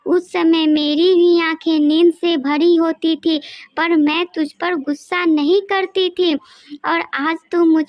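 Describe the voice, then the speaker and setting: A woman's voice: very high voice, dry recording. A woman voicing an elderly mother who scolds and pleads with her son in a cartoon story.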